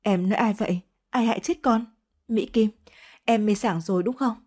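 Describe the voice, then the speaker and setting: A woman's voice: mid-range voice, normal speed, a little mellow, lightly acted. Woman doing an anxious young husband.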